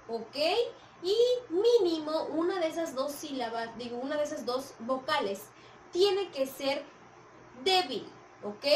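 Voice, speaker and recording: A woman teaching a primary school class on video, patiently checking in with the children as she explains. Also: high voice. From Mexico. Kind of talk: recorded video lesson for children. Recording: echoey room, from a distance, faint hiss.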